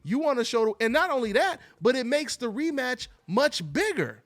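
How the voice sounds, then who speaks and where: A man's voice: extremely high pitch, very animated, moderate pace, a bit bright. A man hosting a call-in boxing show, talking loosely and rambling with many "you know, man" fillers. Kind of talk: casual call-in radio talk.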